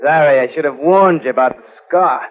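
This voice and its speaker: In 1940s radio acting heard through a tinny old broadcast with music, an actor plays a bitter, scarred war veteran. His mocking, sarcastic voice is a little high and fairly quick, close to an everyday speaking voice.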